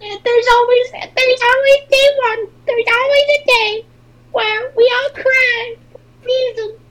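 A very high, pitched-up voice in a comedy podcast sketch, speaking in a joking, deadpan way. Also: female voice, takes it slowly, full character voice.

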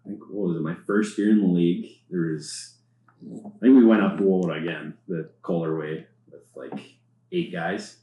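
A man in casual chat, telling hockey stories in an animated way. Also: low-pitched, moderate pace, muffled recording. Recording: echoey room with faint hum.

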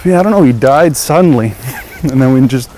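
A man's voice: medium pitch, lively intonation, brisk, mellow, a little hiss or hum. A man co-hosting a podcast, chatting casually while walking outside, dry and profane, laughing often. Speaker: podcast co-host.

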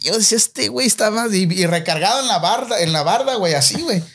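A man's voice: high-pitched, fast talker, husky. A young man with a Mexican accent, telling a story in casual, slangy chat on a podcast. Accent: Mexican Spanish. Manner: slangy, animated, acts out voices in anecdotes. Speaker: podcast host. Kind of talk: casual storytelling among friends.

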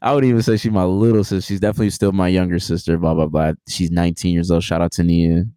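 A young man with a very deep voice talks through a casual interview, recorded dry and close. He rambles in a relaxed, slangy way, full of fillers and restarts. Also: fast, smooth, no room sound. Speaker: podcast guest.

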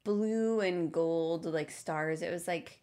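A woman's voice: fairly low pitch, slow pace, mellow. A woman co-hosting a podcast in casual chat, giggly and agreeable. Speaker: podcast co-host.

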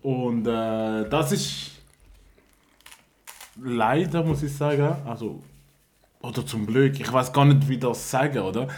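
A man's voice: mid-range voice, slow, long pauses, darkish tone, breathy edge. A man with a French accent, talking in a casual chat as a guest, hesitant and restarting often. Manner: hesitant, many restarts and fillers.

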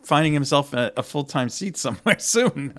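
Lively joking man hosting a podcast. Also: on the high side, moderate pace. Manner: lively, jokey, restarts a lot. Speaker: podcast co-host. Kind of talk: casual motorsport chat.

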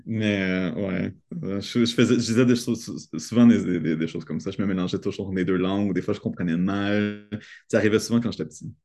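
A young man, a podcast guest telling childhood stories in a relaxed way with frequent restarts. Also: low voice, fairly quick. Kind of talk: casual interview chat.

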